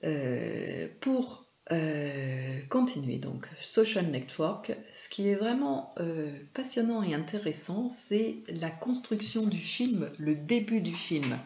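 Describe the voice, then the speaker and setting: A woman from France gives an explanatory lesson on film and media at a slow, deliberate pace, her voice carrying a gravelly edge. She pauses often, filling gaps with hesitations and correcting herself mid-phrase. The recording is echoey and slightly dull. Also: lowish voice, sing-song, darkish tone. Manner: unhurried, hesitant, frequent fillers and self-corrections. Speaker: media trainer and presenter. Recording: echoey room, dull lo-fi sound.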